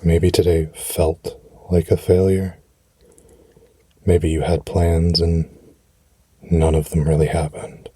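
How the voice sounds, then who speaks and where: A man speaking soothing affirmations for rest in a deep, husky, breathy voice, gently and reassuringly, with unhurried pauses, close to the mic. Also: little pitch movement, no room sound. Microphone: close, dry microphone.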